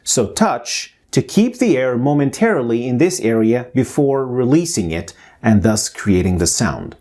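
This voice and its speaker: A male language teacher with a soft, mellow tone gives a pronunciation lesson. He speaks slowly and clearly, placing each sound with care, and his pitch moves in a lively way. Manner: slow, clear, deliberate pronunciation demonstration.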